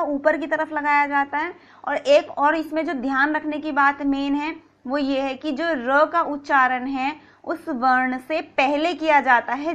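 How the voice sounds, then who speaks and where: High-voiced woman teaching grammar patiently. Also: fairly bright tone, dull audio. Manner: patient, repeats key points, asks and answers own questions. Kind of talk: explanatory grammar lesson.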